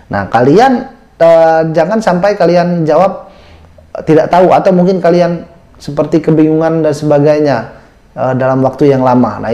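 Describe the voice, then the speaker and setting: A man's voice: on the high side, warm tone. A man giving a casual spoken lesson on job interview tips, talking straight to his viewers step by step with frequent "eh" fillers.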